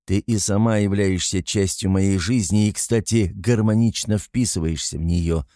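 A man's voice: deep voice, fairly even intonation, moderate pace, dark tone, no room sound, clean studio sound, close to an everyday voice. A man voicing a volatile, domineering man who speaks sternly to his partner in a storybook reading. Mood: angry. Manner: stern, growling.

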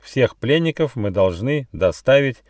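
A man's voice: medium pitch, expressive, measured pace, a little mellow, no echo, clean studio sound, distant mic, voice pushed up, natural voice. A man voicing a stern, solemn female kangaroo who leads the natives. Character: grumpy female kangaroo leader.

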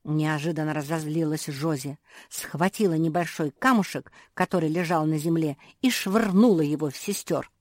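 A woman reading a children's story aloud as a first-person narrator, in an animated way. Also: low voice, moderate pace, few pauses, dry recording, studio quality.

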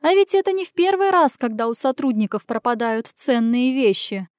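A woman reading a story voices a domineering, scheming middle-aged head nurse who scolds in a shrill, rapid, indignant manner. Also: lively intonation, dry recording, studio quality, natural voice. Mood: contemptuous.

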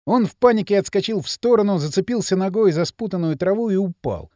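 Expressive male audiobook narrator. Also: high voice, brisk, no room sound, clean studio sound. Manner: expressive, dramatic reading. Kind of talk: scripted narration.

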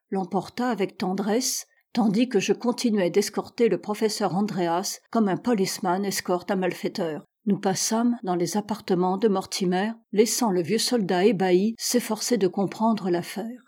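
Woman narrator for a classic mystery audiobook; measured and steady, husky voice. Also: medium pitch. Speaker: audiobook reader. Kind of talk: literary narration.

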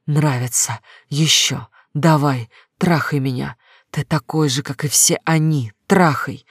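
A man's voice: on the high side, steady tone, a little slow, a bit bright, slightly rough, no room sound, clean studio sound, heavily acted. A man voicing a desperate, defiant young woman lover in an audiobook, pleading and provocative.

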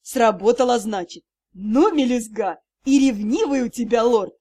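A woman voicing a brash, cheeky male dragon in an audiobook, loud, teasing and mock-innocent. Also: a little high, unhurried.

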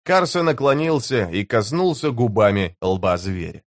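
A man narrating a fantasy audiobook, telling the story in a steady, vivid way. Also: mid-range voice, normal speed, dry recording, studio quality.

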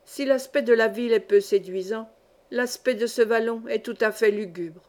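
A woman narrating a classic novel as an audiobook in a measured, steady storytelling voice. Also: a little high. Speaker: audiobook reader. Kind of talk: scripted narration.

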